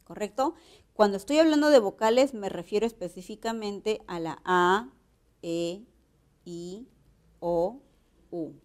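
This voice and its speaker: A woman with a Peruvian Spanish accent gives a grammar lesson at an unhurried pace. She walks through each example patiently, pausing to ask her listeners whether they follow. Her pitch sits in a mid range. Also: darkish tone. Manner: slow and explanatory, checks with rhetorical questions. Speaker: teacher.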